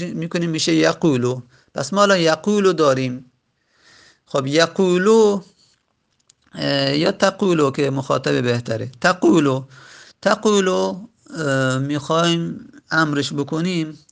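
A man teaching Arabic grammar, repeating word forms slowly and patiently in a classroom lesson. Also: on the high side, creaky. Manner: drills forms by slow repetition, stretching out the words.

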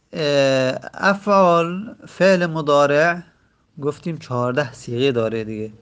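A man teaching an Arabic grammar lesson, slowly repeating words and drawing out examples with frequent hesitant fillers. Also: medium pitch.

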